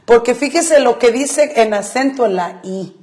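A woman's voice: fairly high pitch, expressive, measured pace, a little mellow. Emphatic woman explaining scripture. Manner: drops English fillers into speech. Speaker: radio co-host. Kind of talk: faith-based marriage advice chat.

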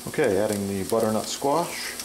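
A man's voice: on the low side, normal speed. A middle-aged man talks casually through a cooking demonstration in his home kitchen, chatty and enthusiastic, with frequent filler words. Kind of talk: casual cooking demo with product plugs. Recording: sizzling pan noise behind. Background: frying and sizzling in the pan.

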